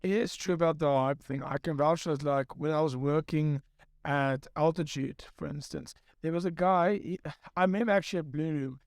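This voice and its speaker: A man in his thirties from South Africa, chatting on a panel and telling long, looping stories. His voice sits a little above the usual male pitch, and it comes across close and dry, with no room sound. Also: moderate pace, no echo. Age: 30s. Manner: relaxed, rambling storytelling with repeats. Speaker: guest photographer. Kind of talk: casual panel chat.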